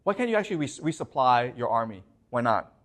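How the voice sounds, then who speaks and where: A man's voice: mid-range voice, sing-song, fast talker. A man lecturing a class as a professor, often repeating words and constantly checking that the students understand.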